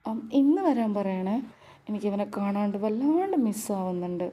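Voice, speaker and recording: A woman's voice: medium pitch, lively intonation, normal speed, highs cut off, close to an everyday voice. A woman voicing a young wife who pleads in a babyish, coaxing way. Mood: pleading.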